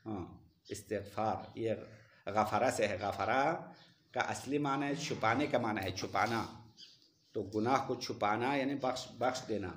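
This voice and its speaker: A male teacher leading a classroom lesson. He explains step by step, quizzes his students and chants Arabic verses slowly. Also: fairly low pitch, reverberant, a little hiss or hum.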